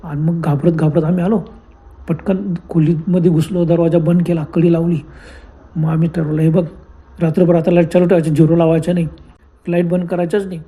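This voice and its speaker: A man's voice: on the high side, level tone, fairly quick, mellow, breathy edge. Man telling a dramatic ghost story. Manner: dramatic, frequent gasped exclamations, acts out friends' fearful lines. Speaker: horror storyteller. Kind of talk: first-person ghost story narration.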